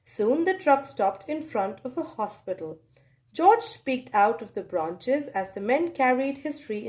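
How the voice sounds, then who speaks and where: With a high voice, a woman reads from a children's storybook, her pitch swinging widely. She leans on dramatic pauses and lively exclamations throughout.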